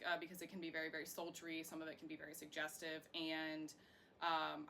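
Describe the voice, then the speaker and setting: This Floridian woman in her thirties, a singer and burlesque performer, gives chatty, rambling answers during a casual interview. Her low American voice sounds pushed and bright, and background noise is clearly audible.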